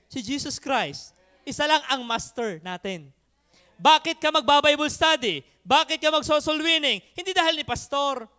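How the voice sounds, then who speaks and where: A man from the Philippines preaching a sermon as pastor, animated and joking with the congregation, mixing in English phrases. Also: extremely high pitch, smooth.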